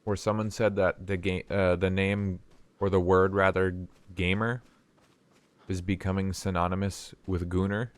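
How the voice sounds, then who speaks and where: Deep-voiced man rambling over gameplay. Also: little pitch movement, unhurried. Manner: rambling, swears casually, thinks aloud. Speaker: streamer. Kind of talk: casual gameplay commentary.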